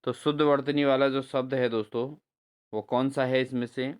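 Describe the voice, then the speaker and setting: A man teaching a spelling lesson for exams, repeating each answer back to his viewers and spelling words out slowly syllable by syllable. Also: mid-range voice, level tone, clean tone. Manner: repeats answers as questions to viewers, addresses them as friends. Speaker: exam-prep teacher. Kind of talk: spelling lesson for exam prep.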